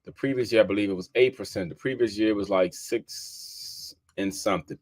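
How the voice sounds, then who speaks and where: This man's voice is fairly low and a bit dark, moving at a moderate pace. He's a real estate agent from DC hosting a podcast, talking casually and conversationally to listeners he addresses as "y'all." He repeats his numbers for emphasis and can't stop sneezing.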